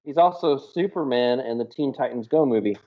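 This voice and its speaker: Mid-pitched man on slightly dull audio. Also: fairly quick. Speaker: podcast co-host. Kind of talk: casual chat.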